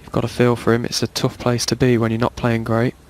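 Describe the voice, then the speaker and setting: Hushed, even-toned male snooker commentator. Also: medium pitch, fast talker, a little hiss or hum.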